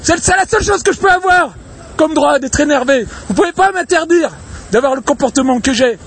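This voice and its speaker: A man ranting angrily outdoors in a public place, swearing and repeating himself, his voice hoarse from shouting. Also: very high voice, animated, a little fast, some chatter behind. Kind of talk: angry outdoor rant to camera.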